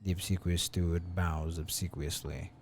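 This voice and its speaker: A young man streaming a game, reading its text aloud in a hushed voice and commenting on it. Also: low-pitched, steady tone, normal speed, a little hiss or hum.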